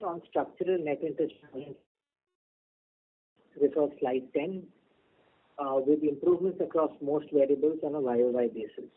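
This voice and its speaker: A man, a bank executive reading prepared earnings remarks over a conference call, measured and steady through lists of figures. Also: a little high. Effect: conference call over a phone line. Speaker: bank executive presenting results. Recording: tinny phone line with faint noise.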